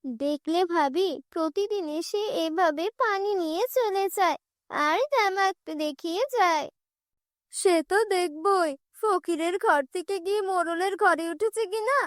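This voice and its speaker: A woman's voice: extremely high pitch, measured pace, no echo, clean studio sound. A woman voicing a resentful poor village woman in a cartoon, grumbling indignantly.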